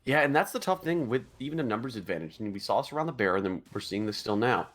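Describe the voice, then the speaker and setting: Excitable male esports play-by-play caster. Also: fast talker. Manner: excitable, pitch jumps high in big fights. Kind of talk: play-by-play commentary.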